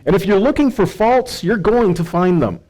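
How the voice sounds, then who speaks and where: Sitting high in pitch with lively intonation, this American man preaches at a normal pace in a darkish tone over a rough recording. Reading and explaining Bible verses conversationally, he often poses rhetorical questions and checks in with listeners via "right" and "okay."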